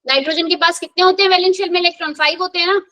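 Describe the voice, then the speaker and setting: Brief: high-pitched woman, brisk classroom chemistry teacher, quizzing and counting aloud. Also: steady tone, pushed and bright, poor audio. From India. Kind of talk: live classroom revision lesson.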